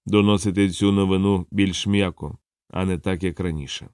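A man voicing Death, a calm grim reaper who speaks slowly and matter-of-factly. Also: low-pitched, smooth, dry recording, clean studio sound, voice pushed down. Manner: slow, flat, matter-of-fact.

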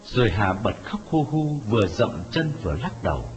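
A man narrating a dramatic story in a scripted, expressive telling. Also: fairly low pitch, normal speed. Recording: dull lo-fi audio with music. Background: music.

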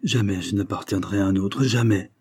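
A man's voice: on the low side, moderate pace, a little mellow, breathy edge, no echo. A man reading the part of a devoted young woman nurse, pleading and emphatic.

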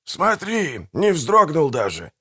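A man's voice: a little high, wildly swooping pitch, slow pace, bright, forceful tone, slightly rough, voice pushed up, exaggerated voice. A man voicing a crude, lazy bearded grave-robbing brother, scolding in a raised voice. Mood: gruff.

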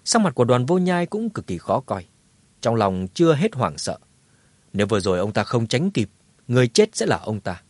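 A man narrating a martial arts novel in a dramatic, lively telling. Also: medium pitch, normal speed, no room sound. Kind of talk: scripted audiobook narration.

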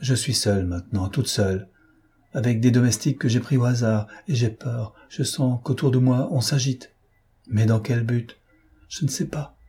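A man voicing a frightened, weary noblewoman who speaks in a hushed, trembling, pleading way. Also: mid-range voice, normal speed, husky. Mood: fearful.

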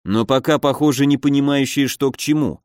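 A man's voice: medium pitch, steady tone, fairly quick, darkish tone, smooth, no room sound. Man reading an audiobook, wry and ironic, dry close sound. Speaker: audiobook narrator. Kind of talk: first-person audiobook narration.

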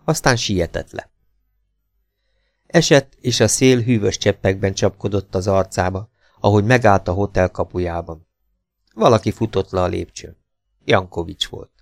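A man with a fairly low voice reads an audiobook in a measured, even way. The recording is dry and close to the mic. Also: gravelly, dry recording. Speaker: audiobook narrator. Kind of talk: audiobook narration.

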